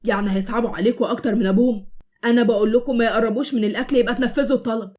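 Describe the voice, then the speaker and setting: A woman's voice: fairly high pitch, steady tone, racing, a little mellow, natural voice. A woman voicing a stern, commanding Egyptian police father in a cartoon story. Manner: commanding, blustering. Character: stern father, a police pasha who gives orders.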